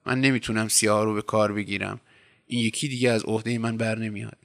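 A man's voice: medium pitch, pushed and bright. A man reading aloud voices an idle, sardonic young man of twenty-eight with a mocking, detached way of talking.

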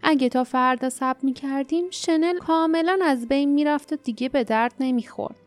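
A woman's voice: high-pitched, dry recording, voice pushed up, close to an everyday voice. A woman voicing a scornful, wary teenage girl who lives wild in a forest, in a storybook reading. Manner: mocking, wary.

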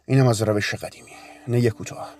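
A man voicing a weary, gentle middle-aged father who is poor, speaking quietly and in a measured way. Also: mid-range voice, steady tone, no room sound, clean studio sound, natural voice. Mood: tired.

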